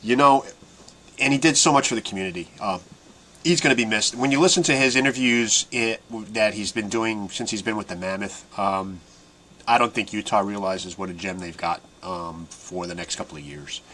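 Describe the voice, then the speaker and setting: A man hosting a casual sports fan podcast, asking his co-host questions and often trailing off quietly. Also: fairly low pitch, normal speed, slight background noise. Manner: asks his co-host questions, many restarts.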